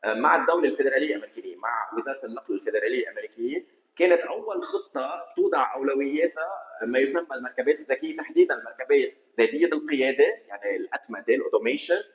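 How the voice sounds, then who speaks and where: Rapid-fire Lebanese man, roomy sound. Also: medium pitch, lively intonation, highs cut off. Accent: Lebanese Arabic. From Lebanon, Kesrouan. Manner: fast, detailed, eager explaining. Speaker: podcast guest, engineer. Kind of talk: casual interview conversation. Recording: roomy studio echo.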